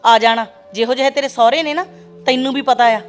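Actress doing a high-voiced scolding village mom, nagging and sharp, soft music under it. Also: female voice, brisk, close to an everyday voice. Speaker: mother. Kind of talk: Punjabi web series acting.

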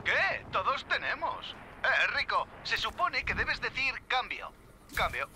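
A man's voice: very high voice, big pitch swings, a little slow, background noise, full character voice. An actor playing an eager, friendly young man who calls in over a radio intercom, insisting and signing off like a radio operator. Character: eager, chatty young male friend calling in. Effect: radio intercom transmission. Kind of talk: video game dialogue.

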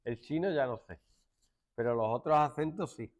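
A middle-aged man from Málaga with an Andalusian accent, teaching a joking classroom lesson and hushing his students. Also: medium pitch, normal speed. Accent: Andalusian Spanish. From Málaga, Spain. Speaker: secondary school teacher.

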